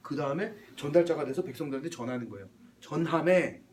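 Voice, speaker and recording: A man's voice: a little high, fast talker, darkish tone, distant mic. A man giving a sermon in a casual, conversational way, dropping in slang and English words. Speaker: pastor.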